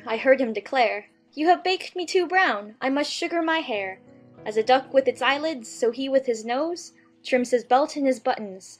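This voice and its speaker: A woman voicing Alice, a polite, curious and slightly timid young girl, in a dramatized audiobook. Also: sits high. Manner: polite, earnest, a bit timid.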